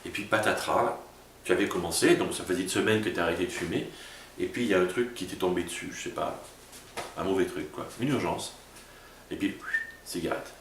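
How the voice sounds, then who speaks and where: A man's voice: low voice, brisk, pauses often, slight background noise. A man, a pastor, giving an informal sermon-style talk to small groups and often asking "tu vois?". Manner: informal, addresses listener as tu, frequent "tu vois". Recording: roomy echo from a distance with faint ambience.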